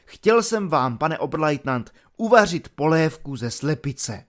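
For an audiobook, a man with a somewhat high voice takes on the role of an earnest, courteous simple soldier. Calm and formal, the character goes on at length explaining himself.

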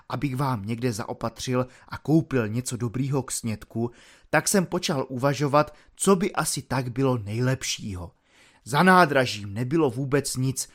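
A man voicing an earnest, courteous simple soldier who explains himself at length in a calm, formal manner, in an audiobook reading. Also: mid-range voice, natural voice.

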